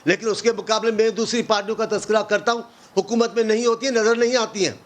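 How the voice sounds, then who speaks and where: Brief: man, high-pitched, heated opposition politician, sarcastic, rhetorical. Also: little pitch movement. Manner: impassioned, sarcastic, fires rhetorical questions. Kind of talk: political talk show debate.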